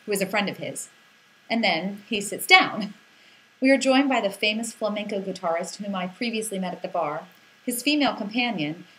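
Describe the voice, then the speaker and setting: Acting out every exclamation, a female narrator at medium pitch performs a scripted story told in the first person. The audio quality is poor.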